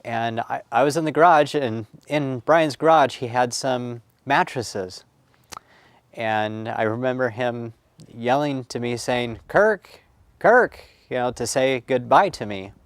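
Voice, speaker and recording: A middle-aged man recounting childhood memories in a recorded oral history, reflective and halting with many pauses and fillers. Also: mid-range voice, steady tone, no room sound. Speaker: family history storyteller.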